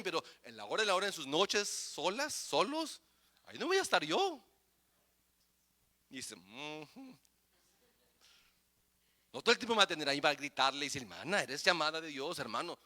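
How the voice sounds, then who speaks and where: A male pastor preaches with a high, bright voice. He swings between loud, emphatic declarations and quiet asides, often repeating words in quick bursts. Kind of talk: sermon.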